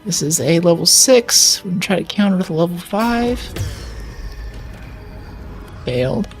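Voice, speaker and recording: A woman streamer chats her way through a video game, thinking aloud with plenty of fillers. Her voice sits a little low. Faint game music runs underneath. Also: animated, measured pace. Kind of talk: casual gameplay commentary.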